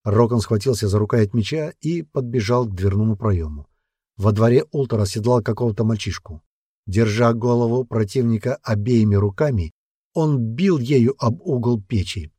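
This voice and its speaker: A man narrating an audiobook in steady, even scripted storytelling. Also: mid-range voice, breathy edge, dry recording, clean studio sound.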